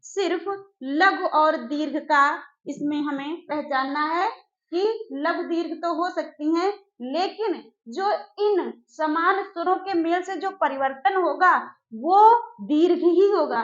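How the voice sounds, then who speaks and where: Woman teacher, slow repetitive delivery, roomy echo, dull lo-fi recording. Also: sits high. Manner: slow, repeats key phrases and asks the class questions. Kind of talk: exam-prep grammar lesson. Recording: echoey room, dull lo-fi sound.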